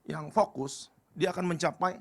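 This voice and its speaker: Pastor guy, gravelly, sermon that flips from loud to quiet chat. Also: fairly high pitch, moderate pace. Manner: animated, swings from loud pleas to quiet asides; storytelling with colloquial Jakarta slang. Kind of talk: casual sermon to a youth crowd.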